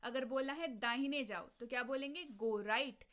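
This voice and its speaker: A young woman teaching everyday English phrases in Hindi, saying each phrase slowly and twice, and asking the viewer questions before she answers them. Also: high-pitched, a bit bright. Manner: slow, clearly drilled phrases repeated twice. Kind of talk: spoken English lesson in Hindi.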